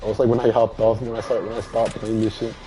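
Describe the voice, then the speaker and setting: A man's voice: lowish voice, little pitch movement, fast talker, dark tone. A young man streaming a game with friends, trading crude, laughing banter in casual chat.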